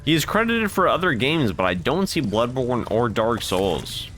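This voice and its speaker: A man giving casual gameplay commentary as a streamer, thinking aloud in a relaxed way and swearing now and then. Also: mid-range voice, moderate pace, slight background noise.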